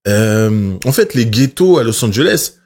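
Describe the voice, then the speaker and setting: A middle-aged man from France with a lowish voice, chatting as a guest journalist. He spins lively anecdotes and slips into the voices of the people he quotes. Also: measured pace. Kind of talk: casual storytelling chat.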